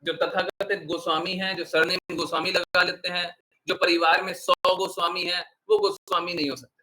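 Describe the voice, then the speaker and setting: A man's voice: sits high, level tone, normal speed, pushed and bright, low-quality recording. A man giving an earnest devotional discourse as a spiritual teacher, asking his listeners rhetorical questions and mixing English words into his speech.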